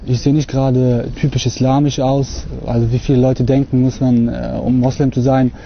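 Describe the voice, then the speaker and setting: A man's voice: mid-range voice, a little hiss or hum. Earnest young man, hesitant outdoor talk. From Russia. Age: young adult. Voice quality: hesitant, many filler sounds, earnest. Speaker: convert giving testimony. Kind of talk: casual spoken testimony to camera. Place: outdoors on a campus lawn. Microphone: camera mic at close distance. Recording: slightly dull lo-fi outdoor camera audio.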